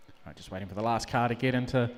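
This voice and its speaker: Guy doing live race commentary, normal pitch, big echoey indoor hall. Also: racing. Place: large indoor racing venue.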